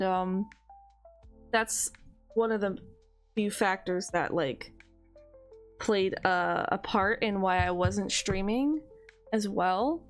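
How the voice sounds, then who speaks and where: A woman streamer chatting casually to her viewers, rambling with frequent laughs and a tired edge. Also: mid-range voice.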